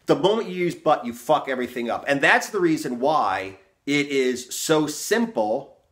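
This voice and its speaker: A male coach rants bluntly at mid pitch, swearing freely and driving each point home. He keeps tagging lines with "okay?" and "you know" as he talks straight to his audience. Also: a bit bright. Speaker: fitness and success coach. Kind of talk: blunt motivational vlog rant.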